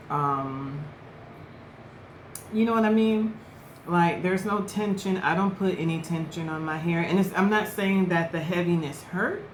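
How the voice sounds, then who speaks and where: A woman in her twenties or so chats to camera in an unhurried, easygoing way, her voice sitting a little low. The room around her rings with echo, and a faint hiss sits under her words. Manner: relaxed, chatty, eating while talking. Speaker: vlogger. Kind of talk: casual chat to camera.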